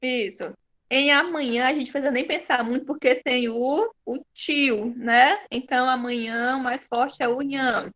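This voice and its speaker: A woman's voice: high-pitched, fairly even intonation, normal speed, fairly bright tone. A Brazilian woman teaching an online class, patient and encouraging, praising her pupils by name. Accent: Brazilian Portuguese.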